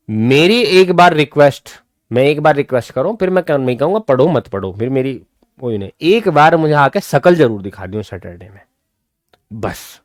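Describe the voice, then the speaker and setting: A young man teaching an online class, animatedly explaining an English story and slowly reading lines from it. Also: mid-range voice, no echo, clean studio sound.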